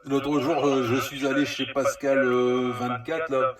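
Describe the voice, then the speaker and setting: Rambling and hesitant, a CB radio operator makes casual two-way radio conversation in a mid-range male voice with little pitch movement and a measured pace. A crowd can be heard behind him, and he's distant from the mic with roomy echo.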